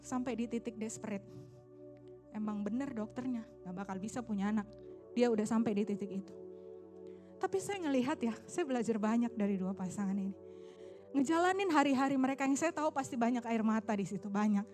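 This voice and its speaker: Woman preacher, sermon, emotional storytelling, somewhat high voice, soft music behind. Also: expressive, brisk. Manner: emotional storytelling, quotes friend and God in changed tones. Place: church stage.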